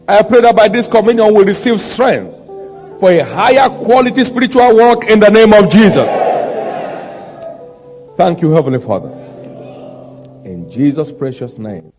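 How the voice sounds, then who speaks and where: A man, preaching and praying aloud as a pastor, with fervent declarations and repeated phrases. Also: sits high. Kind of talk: sermon and prayer. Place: large church hall. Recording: dull sound with long hall reverb.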